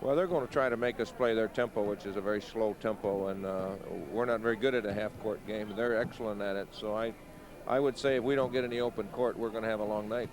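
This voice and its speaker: A man, a basketball head coach, giving plain, measured pregame interview answers with frequent ums. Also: on the low side, steady tone, a crowd in the background.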